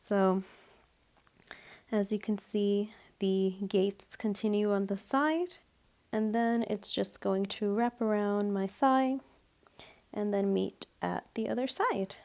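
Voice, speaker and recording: A young woman talks straight to her viewers in a chatty, gushing vlog, her voice carrying a light gravelly fry at the ends of phrases. She sits at a middle pitch and sounds a little out of breath. It is recorded on a camera mic at home. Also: takes it slowly, darkish tone. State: a bit out of breath. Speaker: YouTube vlogger. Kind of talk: casual talk to camera.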